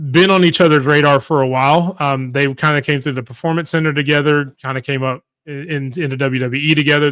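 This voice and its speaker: A man's voice: a little high, a bit bright, clean tone, no room sound. A man co-hosting a wrestling podcast, casually walking through matches and reading out viewer comments. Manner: conversational, reads out viewer comments. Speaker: podcast co-host.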